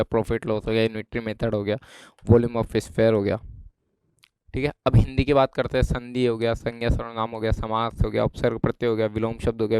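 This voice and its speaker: A man with a Rajasthani Hindi accent, an exam prep teacher, walks through an exam syllabus in a chatty lesson and keeps making sure his students follow. His medium-pitched voice is a little mellow, clear and resonant, with no echo.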